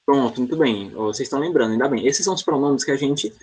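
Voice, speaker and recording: Speaking fast in a slightly rough, medium-pitched voice, this Brazilian online English teacher keeps things casual and easygoing. He constantly checks on his students with a quick "tá?".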